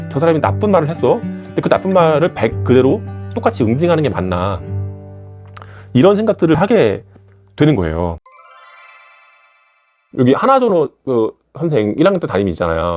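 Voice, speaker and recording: Fast, animated man retelling a manga. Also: mid-range voice. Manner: retells scenes and acts out characters' lines with a shifting voice. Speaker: manga commentator. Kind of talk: animated storytelling commentary.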